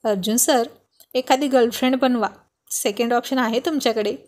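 A woman's voice: fairly high pitch, steady tone, moderate pace, a little mellow, close to an everyday voice. A woman voicing a cheerful, practical young wife with a light, teasing way of talking.

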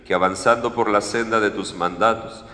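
A male priest leading Mass at the altar, reciting prayers in a measured, solemn way. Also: lowish voice, fairly even intonation, pushed and bright. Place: large church sanctuary, at the altar. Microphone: far fixed camera, room mic. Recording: echoey church with long reverb.

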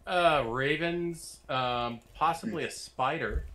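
A man's voice: a little high, slow pace, noisy background. A man talking informally as a player during a tabletop game, offering comments and details. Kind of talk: casual tabletop game chat.

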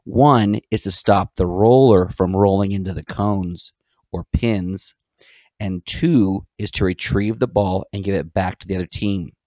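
Guy with a lowish voice walking thru gym game rules step by step, dry close mic. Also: unhurried, dark tone, no room sound. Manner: clear, step-by-step explaining. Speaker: PE teacher and channel host. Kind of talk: instructional voice-over.

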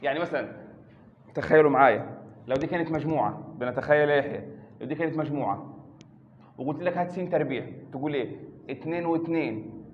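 A man's voice: fairly high pitch, quick pace, long pauses. An Egyptian man teaches a math class, calling on students by name and asking the same question again and again with patience. His voice rings through a roomy hall with a long echo, and the recording sounds dull and lo-fi, with faint noise behind him.

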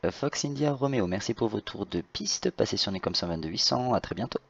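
Gravelly, low-pitched male tower controller. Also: expressive, a little fast. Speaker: tower air traffic controller in online flight simulation. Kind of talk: procedural radio instructions with informal asides. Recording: slightly dull lo-fi voice-chat audio.

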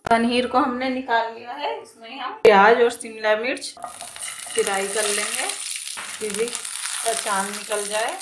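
Woman calmly talking through a recipe. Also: a little high, unhurried, background noise. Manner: calm, plain step-by-step explaining with repeated phrases. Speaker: home cooking channel host. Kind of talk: step-by-step cooking demonstration. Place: home kitchen, indoors. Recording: echoey kitchen with cooking sizzle. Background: frying sizzle and stirring clicks.

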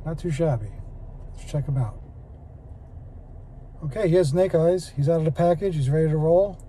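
A man in his forties sits in his parked car casually reviewing a toy, filming himself with a phone camera held at arm's length. He's relaxed and chatty, full of fillers, with a voice on the high side at a moderate pace. The recording is rough, with slight background noise.

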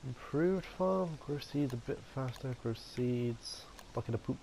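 A man's voice: medium pitch, flat delivery, moderate pace, warm tone, a little hiss or hum. A man giving casual let's-play commentary, chatty and playful, talking to himself as he plays. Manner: chatty, playful, talks to himself while playing. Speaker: gaming video host.

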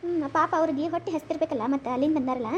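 A woman's voice: sits high, racing, lo-fi sound, slight background noise, lightly acted. A woman voicing a chatty village aunty with a North Karnataka accent, fussing and reassuring as an eager hostess in a cartoon. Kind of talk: cartoon comedy voice acting.

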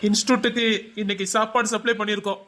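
A man's voice: high voice, flat delivery, a bit bright, slight background noise. A man playing a caring young friend who reassures his coworker and urges him to eat. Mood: reassuring. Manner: reassuring, brisk.

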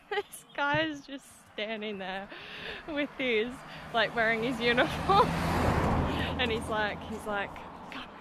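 A woman chatting casually to camera outdoors by a lake, giggly and swearing now and then. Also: fairly high pitch. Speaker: vlogger. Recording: outdoor noise behind voice.

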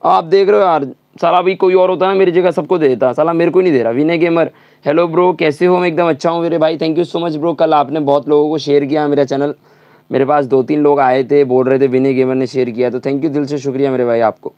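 A young male game streamer rants angrily at the screen, swearing freely through a slightly sore throat. His voice sits on the high side. The sound is dull and dry, like a cheap mic close in a small room. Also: fairly even intonation, a little fast, no echo. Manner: angry, swearing, ranting. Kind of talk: live gaming stream chat.

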